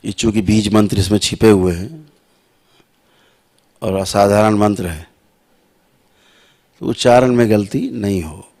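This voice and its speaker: A man teaching devotees slowly, repeating sounds to show the right pronunciation and checking that listeners follow. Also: on the low side, darkish tone. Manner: asks listeners "है ना" and "समझ रहे हैं आप". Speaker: spiritual teacher. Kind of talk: slow spiritual instruction to devotees.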